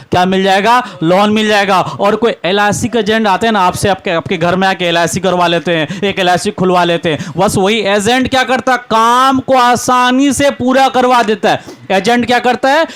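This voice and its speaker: A man with a Bihari Hindi accent teaching a chemistry lesson, constantly asking his class questions and answering them himself, calling the students "beta". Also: sits high. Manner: grows louder and excited, cheering students on. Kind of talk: classroom lecture, call-and-response.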